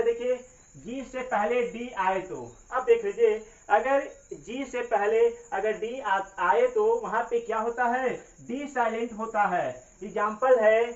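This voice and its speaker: A male English grammar teacher giving a classroom lesson. He spells words out letter by letter, asks the class questions, and answers them himself. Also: extremely high pitch. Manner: slow, repetitive spelling out of letters. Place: coaching classroom. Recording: distant, roomy, dull recording.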